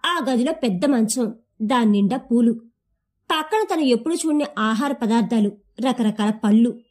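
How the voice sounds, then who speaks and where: A woman reading a story aloud in a steady, expressive audiobook narration. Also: on the high side, moderate pace.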